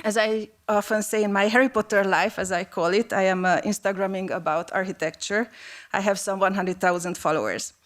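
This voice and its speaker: A woman's voice: medium pitch, steady tone. Woman giving a formal speech. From Romania. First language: Hungarian. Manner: reads from a prepared text, measured and formal. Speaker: panel speaker. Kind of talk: prepared policy speech at a panel.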